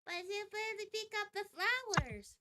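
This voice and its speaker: A man voicing an excited five-year-old princess who chatters sweetly about flowers and puppies. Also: very high voice, normal speed, background noise, voice pushed up. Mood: sweet, eager.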